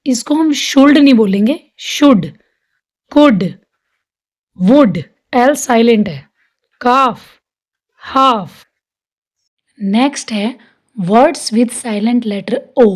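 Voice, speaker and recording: Slow, high-voiced woman teaching. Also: a little mellow. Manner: explains rules then reads example word lists, stressing each word. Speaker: English pronunciation teacher. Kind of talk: lesson.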